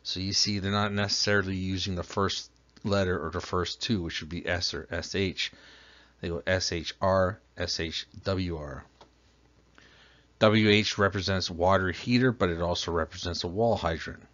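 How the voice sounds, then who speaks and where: A deep-voiced man teaches a plumbing lesson as slideshow narration, speaking at normal speed with fairly even intonation and a fairly bright tone. He patiently explains each step and asks the listener questions, recorded as a dull lo-fi voice-over.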